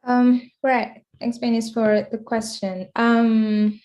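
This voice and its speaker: A woman's voice: fairly high pitch, level tone, slow pace, a little mellow. Young woman from Tanzania on a video call. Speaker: panelist, medical doctor. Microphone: laptop webcam video call.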